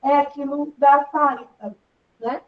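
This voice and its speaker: A woman's voice: high-pitched, fairly even intonation, measured pace, recorded from a distance, narrow, tinny audio. A woman teaching an online class in a chatty, rambling way, full of fillers.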